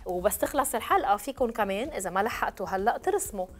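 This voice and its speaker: A woman teaching French words in a televised lesson, stretching out each word and spelling it slowly for her pupils. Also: mid-range voice, lively intonation. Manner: slow, clearly spelled-out drilling of words.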